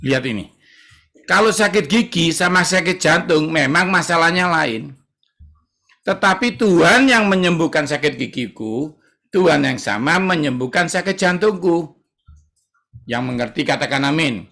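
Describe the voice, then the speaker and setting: A middle-aged man preaching in a church, his plain in his speech. He tells stories with energy and voices both sides of each conversation, his pitch sitting somewhat high for a man. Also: moderate pace, vocal fry. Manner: lively storytelling, acting out both sides of dialogues. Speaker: pastor. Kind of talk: sermon.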